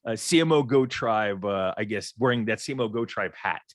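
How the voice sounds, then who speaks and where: A man's voice: lowish voice, a little fast. A middle-aged man from Ukraine moderating a casual panel chat, joking and stumbling over repeated words.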